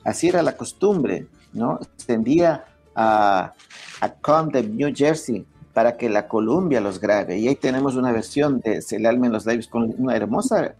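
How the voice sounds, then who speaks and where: Guy lecturing, warm husky voice, keeps asking ya? to check, faint music behind. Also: mid-range voice, expressive, moderate pace. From Ecuador. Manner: lecturing, frequent "¿ya?" checks, many restarts. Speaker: music historian guest. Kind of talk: explanatory interview talk.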